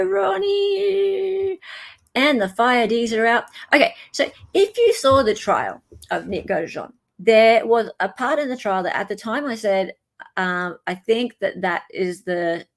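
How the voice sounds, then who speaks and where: Speaking with vocal fry at a medium pitch, an Australian livestream host talks to her viewers in a casual, chatty way. She comments informally and greets people as she goes.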